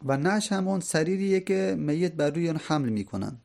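Mellow-voiced male teacher explaining poetry. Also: on the high side, expressive, vocal fry. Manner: explains line by line, rhetorical questions to students. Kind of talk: lecture explaining classical poetry.

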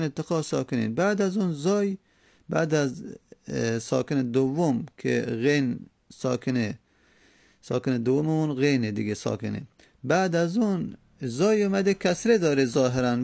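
Male teacher, gravelly tone, patient and repetitive, giving a classroom grammar lesson, dry close recording. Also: medium pitch, a little mellow, no room sound. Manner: patient, repeats examples, rhetorical questions.

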